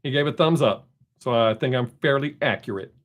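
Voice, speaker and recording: A middle-aged man from the American South hosts a casual live stream into a desk microphone, speaking at medium pitch and a little fast. He chats with viewers in a rambling way and reads the chat aloud.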